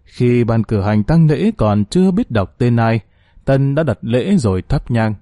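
A man's voice: medium pitch, animated, a little slow, dark tone, no room sound, studio quality. A man narrating a ghost story in a scripted reading, giving the characters small acted shifts.

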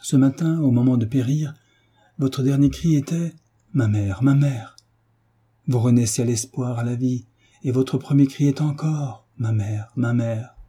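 A man voicing a passionate tutor who preaches with rising fervour, in a dark, husky voice. He speaks like an orator and leans hard into his big words. It is read in an audiobook. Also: mid-range voice, unhurried. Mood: tender. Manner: impassioned, oratorical. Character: fervent male tutor, middle-aged, idealistic. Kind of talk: audiobook reading.

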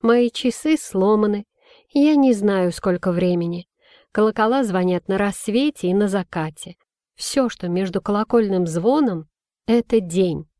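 A woman's voice: medium pitch, measured pace, dark tone, no room sound, lightly acted. Woman reading as a haughty young prince, petulant, sulky, spoiled, dry close sound.

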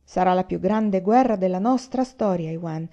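A woman's voice: fairly low pitch, moderate pace, dark tone, highs cut off, lightly acted. A woman reading the part of a stern young man who firmly urges his brother home, in an audiobook reading. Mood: urgent. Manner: firm, urgent, commanding.

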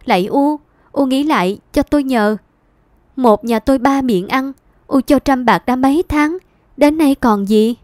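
A woman's voice: high-pitched, measured pace, darkish tone, no room sound, clean studio sound, voice pushed up. A woman voicing a pleading young son. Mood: begging. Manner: pleading, tearful. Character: young man, a poor son begging his mother.

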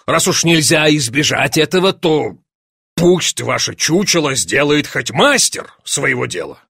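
A man's voice: fairly high pitch, sing-song, vocal fry, fairly bright tone, husky, dry recording, clean studio sound, heavily acted. Style: audiobook. Figure: a man doing a sly mock-sympathetic police chief. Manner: measured, drawn-out teasing pauses.

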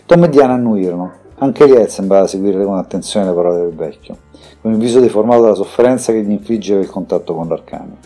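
Male narrator reading a fantasy audiobook in a low, mellow, measured voice. Soft music plays quietly behind him, and his delivery stays steady and composed. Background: faint background music.

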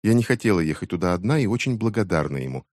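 A man's voice: low voice, very animated, racing, darkish tone, no room sound, studio quality. A man voicing a weary, anxious mother. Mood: strained.

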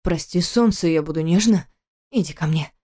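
A young husband, read by a woman narrating the story, spoken low and hushed. The voice stays close to the reader's own deep, mellow tone and does not reach for a man's register. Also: moderate pace. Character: young husband, eager then alarmed.

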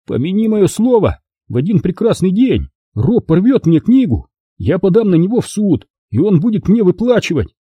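A man's voice: high-pitched, big pitch swings, normal speed, mellow, husky, dry recording, lo-fi sound, voice pushed up, heavily acted. A man doing a fussy teenage boy. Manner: prickly and pleading. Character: fussy teenage boy, protective of his comics.

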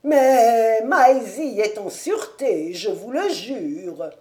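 A woman voicing a frantic, loyal old male servant who cries out in drawn-out, breathless wails. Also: on the high side, lively intonation, mellow. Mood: pleading.

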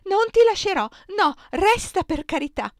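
Panicky elderly abbess, put on by a woman reader: high, pleading, dry close sound. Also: fairly even intonation, normal speed, no room sound, close to an everyday voice. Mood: panicked pleading. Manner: shrill, imploring, sobbing pleas. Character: terrified old female abbess, pleading and proud.

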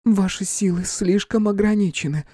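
A man reading an audiobook, voicing a frightened, distraught young female clairvoyant in a high, shrill, pleading voice. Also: moderate pace, warm tone, husky, no echo, studio quality, lightly acted.

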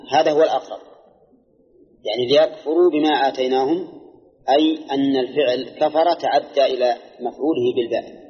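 A man with a Najdi Arabic accent teaching Quran exegesis, explaining slowly and quizzing his students. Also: mid-range voice. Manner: measured, explanatory, quizzes listeners. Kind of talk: classroom lecture with questions to students. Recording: dull, echoey archival lecture recording.

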